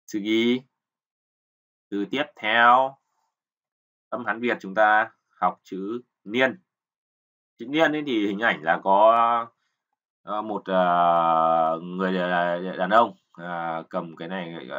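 Man teaching a language lesson, lowish voice, bright tone, patient, keeps checking in with learners. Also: takes it slowly, long pauses, muffled recording. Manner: patient, repeats words while explaining. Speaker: kanji teacher. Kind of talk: explanatory lesson.

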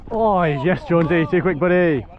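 A man cheering from the sidelines at a club cricket match, bursting into excited shouts and exclamations. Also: high-pitched, moderate pace. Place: cricket ground outdoors. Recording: dull lo-fi outdoor sound with loud noise.

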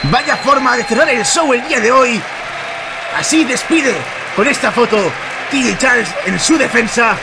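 A man with a Spain accent giving excitable, exclamatory live wrestling commentary and calling out moves. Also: very high-pitched, normal speed. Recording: noisy sports hall, loud crowd. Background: loud crowd and hall noise.

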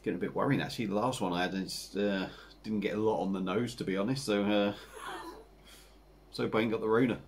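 A man in his forties with an English accent reviews a beer to camera at his home bar, a room with a dartboard and signs. He rambles in a relaxed way, talking fast in a lowish voice with plenty of fillers, and there's a little hiss or hum.

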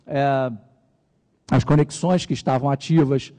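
On the stage of a large conference hall, a middle-aged conference speaker from Rio de Janeiro delivers a technical talk in Carioca Brazilian Portuguese. His voice is medium-pitched and unhurried, and he keeps things light with jokes and self-answered questions. The sound echoes around the big room.

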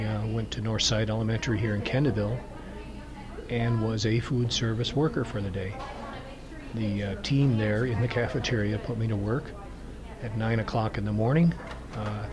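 A man reporter, narrating his day in plain, measured words with frequent pauses. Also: fairly low pitch, steady tone, a crowd in the background. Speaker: local news reporter. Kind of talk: recorded voice-over narration.

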